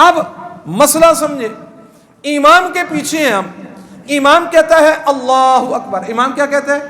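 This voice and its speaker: A man from Pakistan who preaches at a mosque, teaching the rules of prayer to his congregation, often stopping to ask them questions and answer them himself, and chanting words slowly to demonstrate. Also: very high-pitched, a bit bright. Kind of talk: religious lesson to a congregation.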